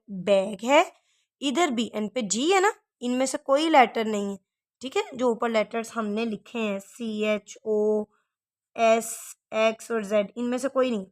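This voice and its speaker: A woman teacher giving a recorded English lesson, patiently drilling word endings by repeating each word slowly. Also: on the high side. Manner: patient, calls the learner "beta", drills words by repeating them slowly.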